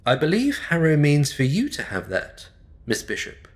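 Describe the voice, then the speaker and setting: In a supernatural comedy audio drama, a male actor plays a solemn, watchful manor caretaker, delivering lines in measured, ominous understatement. His voice is a little high, with huge swings in pitch.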